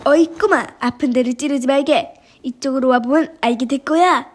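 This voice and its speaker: A woman's voice: high-pitched, normal speed, close to an everyday voice. Boastful dandy adventurer, theatrical and brash, read by a woman. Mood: swaggering. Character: swaggering, boastful gentleman adventurer.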